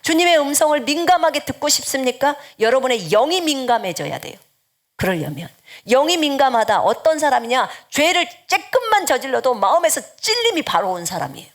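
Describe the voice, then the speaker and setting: A woman missionary delivers a sermon in a fairly high voice. She preaches earnestly and exhorts her listeners, often sinking into hushed, whispered pleading. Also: sing-song, a little fast.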